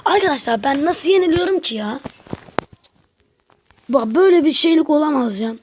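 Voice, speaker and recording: A woman's voice: sits high, animated, moderate pace, darkish tone, a little hiss or hum. A woman giving casual gameplay commentary to her viewers, grumbling and exasperated as she plays. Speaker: gaming channel host.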